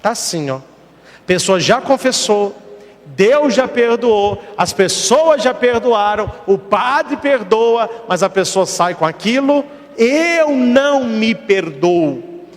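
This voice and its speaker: A priest preaches in a high, lively voice, firing rhetorical questions and repeating his points for emphasis. His pitch leaps around as he talks. A long reverb trails behind him. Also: slow pace. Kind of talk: sermon.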